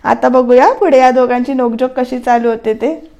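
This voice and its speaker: A woman's voice: high voice, moderate pace, warm tone, dull audio. A woman giving a chatty, casual voice-over recap of a TV serial, turning often to her viewers. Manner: chatty, talks straight to viewers. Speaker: TV serial reviewer. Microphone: voice-over mic.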